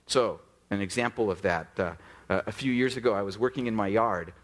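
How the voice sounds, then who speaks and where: A middle-aged man, a pastor, preaching a sermon with animated storytelling and acted-out dialogue. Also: lowish voice, fairly quick.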